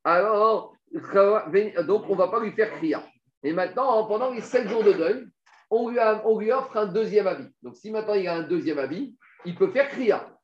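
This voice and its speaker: At a moderate pace and high pitch, a man leads a Talmud class, reading Aramaic text and breaking it down step by step. He asks questions, then answers them on his own. The recording comes from an echoey room and sounds dull.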